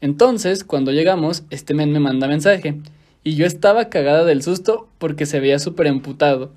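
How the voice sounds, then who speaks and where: A young man with a Mexican accent, co-hosting a casual podcast, joking and reading out listener stories in a relaxed, slangy way. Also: a little high, moderate pace. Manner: laid-back, joking, slangy, reads listener stories aloud. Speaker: podcast co-host. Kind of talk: casual chat.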